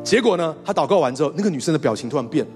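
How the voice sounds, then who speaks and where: Animated high-voiced male pastor preaching. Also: rapid-fire, over music. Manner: animated, acts out quotes, laughs with congregation. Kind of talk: sermon storytelling. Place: church hall with congregation.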